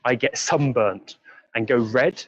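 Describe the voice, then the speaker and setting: An English man teaches while he walks outdoors through busy streets, sharing a live stream and reading out viewer comments. His voice sits at a middle pitch and stays friendly as he slowly explains words. The stream sounds a little muffled and lo-fi. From England. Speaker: English teacher giving a live walking tour. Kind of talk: live-streamed walking tour lesson.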